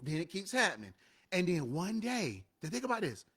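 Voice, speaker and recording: A man co-hosting a live show, telling stories in an animated, emphatic, motivational way. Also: high-pitched, normal speed, husky. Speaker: co-host of a live show and podcast. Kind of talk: motivational casual talk.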